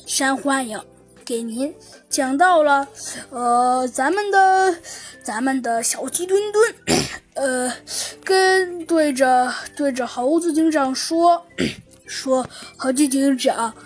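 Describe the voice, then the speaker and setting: A woman hosting a children's storytelling show, talking hesitantly with many fillers and frequent throat-clearing. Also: high voice.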